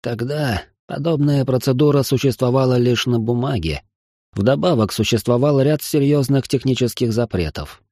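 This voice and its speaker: A man reading an audiobook, voicing an old male family doctor who confesses slowly and heavily. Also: medium pitch, a little mellow, dry recording, clean studio sound, voice pushed up, natural voice. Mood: weary. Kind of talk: audiobook character voice.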